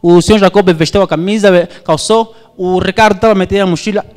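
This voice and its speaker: An Angolan man delivers a sermon at a fairly quick pace, telling a story with animation as his voice swings between high and low. Soft music plays behind him, and the recording carries a long hall reverb.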